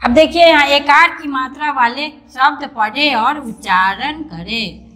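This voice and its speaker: High, bright-voiced woman teaching young children. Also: a little slow. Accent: Indian, Hindi. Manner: patient and repetitive, calls pupils "beta", spells words out letter by letter. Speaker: primary school teacher. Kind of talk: online class lesson for young children.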